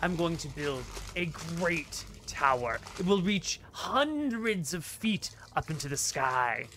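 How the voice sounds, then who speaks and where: A man's voice: on the high side, pushed and bright, full character voice. A man voicing an ambitious, haughty female sorcerer in a tabletop game, speaking in a grandiose, condescending manner.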